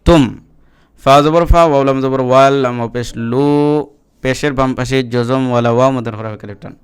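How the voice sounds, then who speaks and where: A man teaching Quran reading, chanting verses slowly and then explaining the rules in quick Bengali. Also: medium pitch, clean tone. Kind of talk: spelling-out lesson with recitation.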